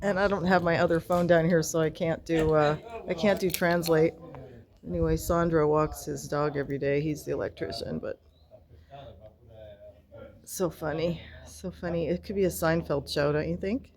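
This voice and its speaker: Woman, casual vlogger, excitable and chatty, phone-camera sound. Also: sits low, moderate pace, crowd noise. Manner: excitable, squeals with joy, chatty asides. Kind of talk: casual vlog chat. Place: apartment and street in an Italian village, in and out of doors.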